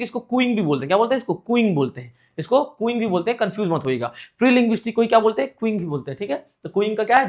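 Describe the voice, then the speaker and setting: Preparing students for an exam, a high-voiced man teaching the class poses a question, supplies the answer on his own, and reiterates the main points.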